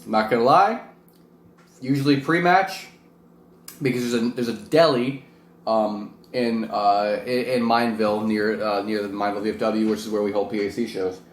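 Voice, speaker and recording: A man's voice: fairly low pitch, fairly even intonation, moderate pace. A man chatting casually and informally to camera as a vlog host, rambling a little and poking fun at himself. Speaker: vlog host and amateur wrestler. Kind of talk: casual chat to camera while eating hot wings. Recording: roomy echo with faint background noise.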